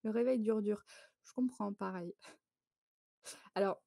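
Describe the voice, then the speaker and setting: A woman's voice: mid-range voice, slow pace, gravelly, dark tone, no echo, studio quality. A woman from France hosting a photo quiz on a live stream, chatty and laughing often as she greets viewers.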